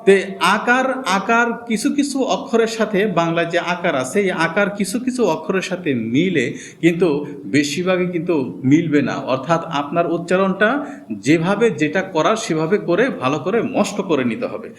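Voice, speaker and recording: A man with a fairly high voice gives a slow, patient lesson, repeating each point and drawing out letter sounds. A faint hiss sits under his voice. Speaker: Quran reading teacher.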